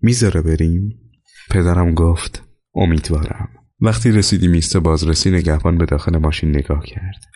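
A man reading wartime memoirs aloud as an audiobook narrator, measured and even, slowing down for each chapter heading. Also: deep voice.

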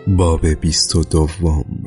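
A man reading wartime memoirs aloud as an audiobook narrator, measured and even, slowing down for each chapter heading. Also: extremely low pitch, over music.

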